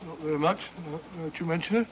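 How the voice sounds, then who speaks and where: An actor playing a bumbling, self-important British gentleman doctor in a 1940s film. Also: fast talker, natural voice. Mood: proud, defensive. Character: bumbling, proud, well-meaning gentleman doctor, a detective's sidekick. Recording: noisy old 1940s film soundtrack, train rumble.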